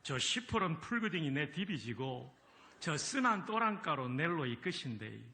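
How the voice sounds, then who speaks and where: A man's voice: a little high, sing-song, moderate pace, sharp tone, full character voice. A man voicing a psalm reciter in a put-on Gyeongsang dialect, blunt and punchy. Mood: hearty.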